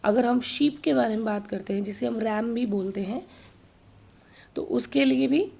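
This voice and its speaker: A woman teaching an exam-prep grammar lesson, reading out word lists slowly and mixing English terms into her Hindi explanation. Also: on the high side, vocal fry, dark tone. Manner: tag questions like "है ना" between points.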